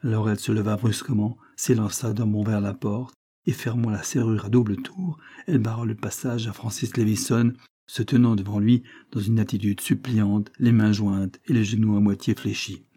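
Male audiobook narrator, dark and husky, measured dramatic reading of a classic novel. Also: lowish voice, steady tone.

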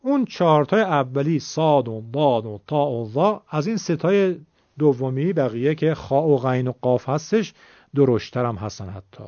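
A man's voice: mid-range voice, animated, darkish tone, no room sound. A man with an Iranian Persian accent teaching tajweed, patiently explaining and repeating key points. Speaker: Quran recitation teacher. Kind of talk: tajweed lesson. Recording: dull lo-fi recording.

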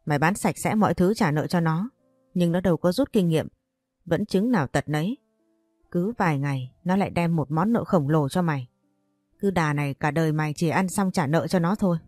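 A brash, talkative young woman teases her friend and scolds her bluntly, as a woman narrator voices her. The tone is low and warm, recorded close and dry, with faint music behind. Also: brisk, dry recording. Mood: scolding.

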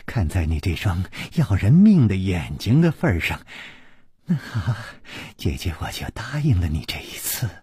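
A male storyteller voicing a coy, scheming middle-aged woman who speaks in breathy, giggling whispers. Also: low-pitched, sing-song, moderate pace, warm tone, no room sound, clean studio sound, pitched below the performer's own voice, exaggerated voice. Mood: seductive. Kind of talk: Chinese storytelling.

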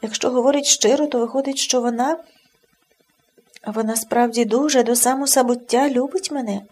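A woman's voice: a little high, fairly even intonation, normal speed, husky. A woman voicing a wealthy, hot-tempered young lady who snaps scornfully, in a storybook reading. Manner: sharp, scornful outbursts.

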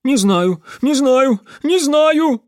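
A wild, high-pitched village simpleton bursts out in short, repeated crowing cries. His voice leaps far above a normal speaking range and swings about restlessly. It is heard dry and close, with no room around it. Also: wildly swooping pitch, drawn-out words, creaky, no echo, heavily acted. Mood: shrieking. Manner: shrill crowing shouts, repeats words. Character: excitable simple-minded village lad, crow-like cries.

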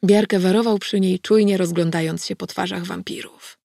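A woman reading a first-person audiobook in a measured, wry storytelling manner on a close mic. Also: on the low side, steady tone, vocal fry, warm tone, no room sound. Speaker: audiobook narrator.

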